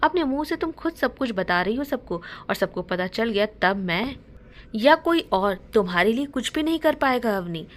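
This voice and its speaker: A woman's voice: a little high, lively intonation, moderate pace, pitched above the performer's own voice, close to an everyday voice. A woman voicing a caring young female friend in a story, speaking reassuringly. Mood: concerned.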